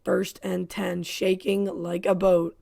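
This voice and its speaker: Slow-talking woman with a gravelly voice. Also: on the low side, little pitch movement, dark tone. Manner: frustrated, self-critical commentary. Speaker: gaming YouTuber. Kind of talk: play-by-play game commentary.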